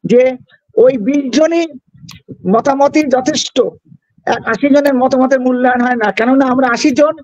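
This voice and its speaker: A man's voice: very high voice, fairly even intonation, moderate pace, long pauses, darkish tone, no room sound. A man speaking earnestly as a guest on a talk show, insisting on finishing his point. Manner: earnest, insistent, keeps talking over the host. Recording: dull lo-fi sound.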